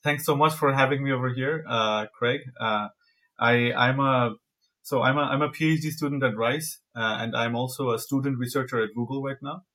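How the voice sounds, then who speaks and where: Young male guest from Bangladesh, halting delivery, lots of "like" and "uh", mid-pitched. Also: fairly even intonation, sharp tone. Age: young adult. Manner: hesitant, many fillers and restarts. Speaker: guest, PhD researcher. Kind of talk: casual interview talk.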